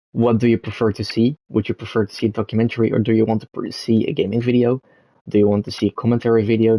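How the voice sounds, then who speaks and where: Here a young Dutch-accented man from the Netherlands, a content creator, talks to camera without a script, wandering with ums and self-corrections. He has a lowish, dark voice with vocal fry, captured in a dry room on poor audio.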